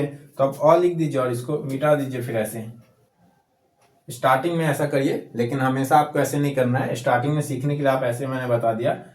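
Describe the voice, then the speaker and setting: Patient Hindi teacher in an echoey room. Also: male voice, fairly high pitch. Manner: slow, repetitive, patient letter-by-letter explaining. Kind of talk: casual handwriting lesson.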